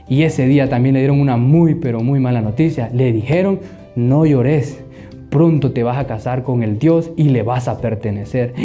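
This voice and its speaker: A man tells a children's Bible school story, animated and often asking the children questions. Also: a little high.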